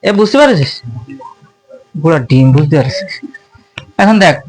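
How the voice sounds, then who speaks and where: A man's voice: fairly high pitch, animated, normal speed, darkish tone, husky, faint music behind. A male teacher giving an informal grammar lesson to students. He asks questions, answers them himself and keeps repeating the key terms. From Bangladesh. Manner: colloquial, informal address to students.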